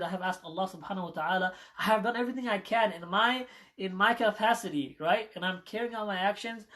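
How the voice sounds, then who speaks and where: High-voiced man giving a casual ethics lesson. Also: fairly bright tone. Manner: conversational, often adds "right?" tags; acts out quoted voices of critics. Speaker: religious class teacher. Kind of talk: informal Islamic ethics lecture.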